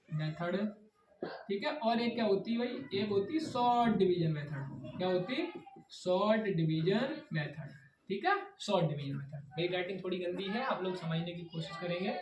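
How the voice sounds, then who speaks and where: A woman tutor giving a blackboard maths lesson, who asks a question and then repeats the answer. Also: fairly high pitch. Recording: echoey room, distant mic, background noise.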